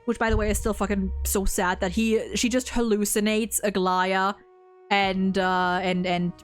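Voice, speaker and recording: Medium-pitched and fairly flat, her voice moves a little slowly with faint music in the background. As a streamer co-hosting a ranking of video game stories, she talks like an effusive, foul-mouthed fan, tripping over repeated words in loose, lively discussion.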